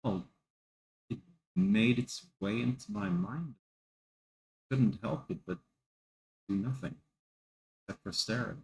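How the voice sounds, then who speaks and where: A man's voice: medium pitch, expressive, slow, creaky, long pauses, poor audio. A man playing a tabletop game, speaking casually about his character and turns.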